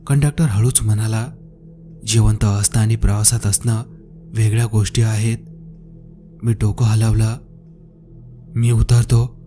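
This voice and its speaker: A man telling a scripted first-person horror story with a tense, hushed delivery and dramatic pauses. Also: fairly low pitch. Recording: narration over faint background music.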